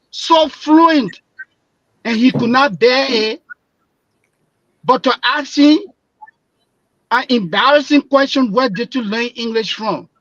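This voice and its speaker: A high-voiced man from Liberia with a Liberian accent argues his point on a radio panel, building to loud, emphatic delivery. His voice comes through dry and muffled, as if over a dull phone-in line. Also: dry recording. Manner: impassioned, grows loud and emphatic. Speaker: panel guest.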